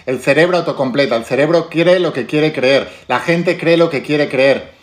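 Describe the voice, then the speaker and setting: Man, accent from Spain, somewhat high voice, emphatic talk to viewers, repeats key words. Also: normal speed. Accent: Spain Spanish. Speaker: spiritual self-help teacher.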